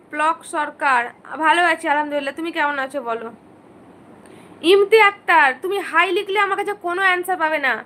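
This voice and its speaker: A woman's voice: very high-pitched, sharp tone, a little hiss or hum, poor audio. A woman hosting a casual live stream, reading viewers' comments aloud, greeting them by name, pleading for subscribers and likes and firmly scolding rude ones.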